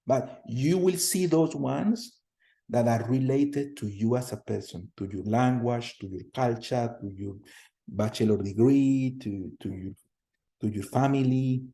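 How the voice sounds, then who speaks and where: A man from Colombia in his thirties teaching a class over a video call, energetic, often repeating words and putting questions to the students. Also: mid-range voice. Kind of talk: online class lecture. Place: home room on a video call.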